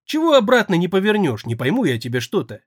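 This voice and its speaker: A man's voice: sits high, huge pitch swings, fast, no room sound, voice pushed up, heavily acted. A man voicing a hardened male necromancer who speaks in a dry, sardonic, reasoning way, in an audiobook. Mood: wry.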